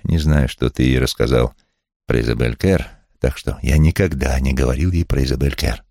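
A man voicing a jailed male private detective who talks low and guarded, in an audiobook. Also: normal speed, gravelly, no room sound, clean studio sound, heavily acted. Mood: hushed. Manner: hushed, low-voiced.

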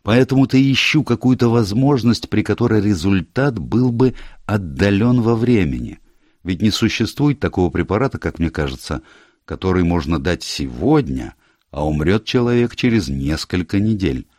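A man's voice: on the low side, animated, moderate pace, a little mellow, no room sound, studio quality, pitched above the performer's own voice. A man voicing a tired, cautious older lawyer in an audiobook, probing and careful in his questions. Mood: weary, cautious. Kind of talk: audiobook character reading.

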